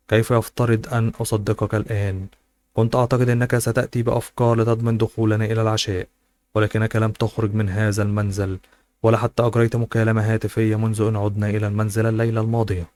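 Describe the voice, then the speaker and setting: A man's voice: lowish voice, a little mellow, natural voice. A man voicing a determined young wife in a novel he reads aloud, in an earnest, reproachful manner. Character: determined young wife Zeina, proud and pressured.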